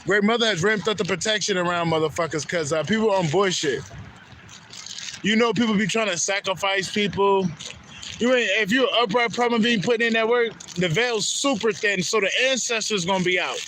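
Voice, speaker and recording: A man's voice: sits high, a little fast, pushed and bright, slight background noise. A man from Haiti giving a rambling, profane spiritual monologue that repeats itself. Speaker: spiritual vlogger.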